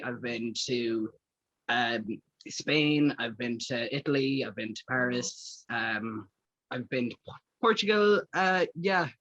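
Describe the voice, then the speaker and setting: A man's voice: medium pitch, fairly bright tone, muffled recording. An Irish man in his early twenties, answering as an interview guest eagerly, with lots of "like". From Ireland, Galway. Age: early 20s. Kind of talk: casual interview chat.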